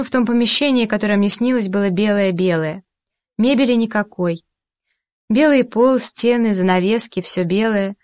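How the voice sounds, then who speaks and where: A woman's voice: medium pitch, no room sound, natural voice. A woman reading a blunt, talkative young woman. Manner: direct, brisk storytelling.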